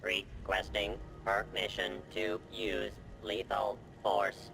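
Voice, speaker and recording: An actor playing a flat, mechanical robot crewman in a video game, speaking in clipped reports. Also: fairly low pitch, takes it slowly, creaky, background noise, exaggerated voice. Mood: robotic.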